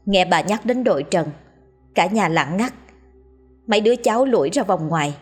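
A woman narrating a story in a measured, expressive reading. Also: medium pitch, husky, soft background music. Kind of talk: scripted narration of a ghost story.

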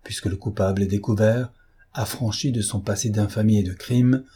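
A man playing a fierce, commanding gentleman thief in an audiobook, speaking urgently and imperiously. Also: fairly low pitch, fairly even intonation, normal speed, husky. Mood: bitter.

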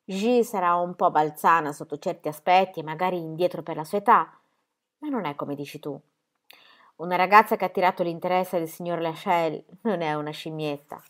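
A woman's voice: on the low side, a little fast, natural voice. A woman voicing an anxious, placid grandmother who laments her family's troubles. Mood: plaintive. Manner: calm, plaintive.

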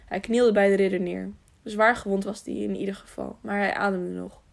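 A woman reading an audiobook aloud, with a gravelly, creaky texture in her voice. She stumbles over words now and then and goes back to correct them. Her pitch sits in the middle for a woman. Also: steady tone, normal speed. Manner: frequent slips and self-corrections. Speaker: audiobook reader. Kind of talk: scripted narration.

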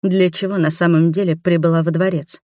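A woman's voice: lowish voice, flat delivery, fairly quick, mellow, no room sound, clean studio sound, natural voice. A woman voicing a proud, loyal female palace servant who speaks bluntly and formally, in an audiobook. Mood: stern.

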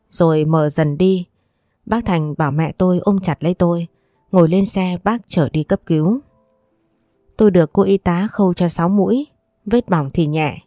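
Low-voiced woman narrating a story. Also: warm tone, no echo, clean studio sound.

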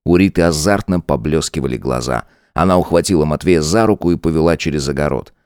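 A man narrating an audiobook in a dramatic, expressive reading. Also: very deep voice, fast, clean tone, no echo, clean studio sound. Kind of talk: scripted narration.

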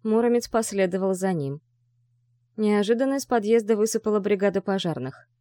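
A woman's voice: medium pitch, expressive, brisk, mellow, dry recording. Dry, close audiobook narration by a woman. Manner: reads dialogue in raised, urgent tones.

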